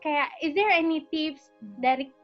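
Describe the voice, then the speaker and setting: Seorang perempuan penonton yang bertanya minta saran dengan ragu-ragu, sesekali menyelipkan frasa bahasa Inggris. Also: female voice, sits high, measured pace, muffled recording, soft background music. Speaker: viewer asking for advice. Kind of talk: asking a question, mixing English phrases.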